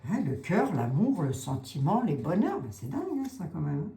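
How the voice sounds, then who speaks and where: A woman's voice: deep voice, very animated, moderate pace, mellow. A woman giving a casual psychic card reading, musing aloud, hesitating and repeating herself as she goes. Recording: echoey room with faint ambient noise.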